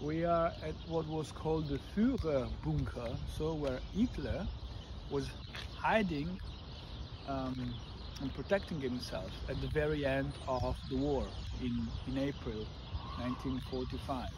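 Middle-aged dad explaining to a child outdoors. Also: male voice, medium pitch, a little slow. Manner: explaining to a child, in simple repeated phrases. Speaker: father and guide. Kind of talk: informal explanatory talk. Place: outdoors on a city street. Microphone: phone camera a step or two away. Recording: outdoor phone recording, clear ambient noise.

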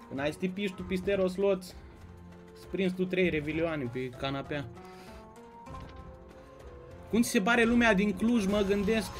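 High-voiced man bantering with live chat. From Romania. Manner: greets viewers by name, bantering with chat. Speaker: slots streamer. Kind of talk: casual live-stream chat.

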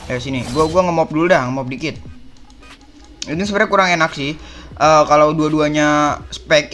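A man's voice: on the high side, fairly bright tone. Slangy young man giving game tips. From Indonesia. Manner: slangy, chummy, addresses viewers as bos and coy. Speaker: gaming YouTuber. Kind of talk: casual gameplay tips commentary.

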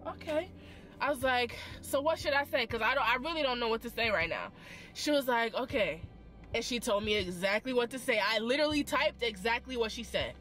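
A young woman vlogger with a voice on the high side tells a dramatic, expressive story in a parked car, packed with slang and quick asides. A dashboard camera films her animated storytime chat, with soft music in the background.

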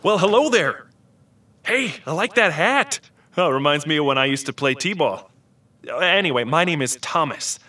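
A man's voice: fairly high pitch, lively intonation, normal speed, pushed and bright, slight background noise. A man voicing an eccentric, outdated male computer who chats, jokes and laughs at his own puns while guiding kids through instruments. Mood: cheerful. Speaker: instrument selection guide. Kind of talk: scripted educational character. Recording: distant voice over music. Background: music.

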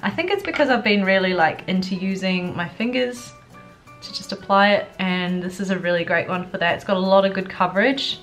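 Fairly quick and a bit bright, a young woman's medium-pitched voice carries her casual, slightly subdued chatter during a makeup tutorial. She's a beauty vlogger feeling sick with a congested cold, filming in a furnished living room at home with background music.

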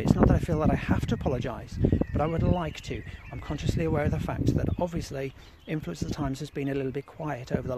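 Dude live streaming outside on his phone, bit higher voice, rambles on, faint noise around. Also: darkish tone, low-quality recording. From England. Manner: rambling, repeats fillers and restarts phrases. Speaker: host of a live exploring broadcast. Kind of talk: casual live-stream monologue. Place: outdoors at an abandoned rail site.

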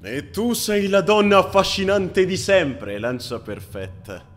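A brash, greedy homunculus, as a man voices him in an anime fan dub. He talks slowly in a high, bright voice that swoops about, full of mockery and defiance. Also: very animated, a little hiss or hum. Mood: mocking. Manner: mocking, brash, shouts when defiant. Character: cocky swaggering male homunculus, greedy and defiant.

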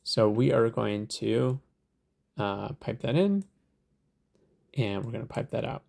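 A man hosting a software tutorial, explaining steps in a relaxed, conversational way with lots of fillers. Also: medium pitch, takes it slowly, creaky. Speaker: tutorial host.

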